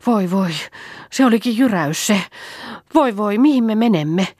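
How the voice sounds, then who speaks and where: A woman reading the part of a startled young peasant girl in an audiobook play, with a high-strung delivery. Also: animated, a little mellow, no room sound, clean studio sound, lightly acted.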